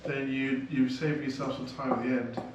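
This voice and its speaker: In a very echoey, noisy setting captured by a distant mic, a man with a mid-range voice talks flatly at a moderate pace. He casually runs a hands-on cooking demonstration, patiently encouraging people and repeating his instructions.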